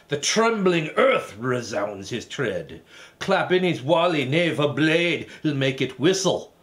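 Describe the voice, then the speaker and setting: A man voicing a theatrical poem reciter in a put-on Scottish accent, declaiming loudly with rolling emphasis. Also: medium pitch.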